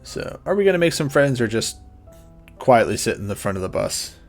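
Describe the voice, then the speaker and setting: A man's voice: medium pitch, very animated, brisk, soft background music. A male streamer reading a visual novel aloud for his chat, with casual, joking asides to his viewers.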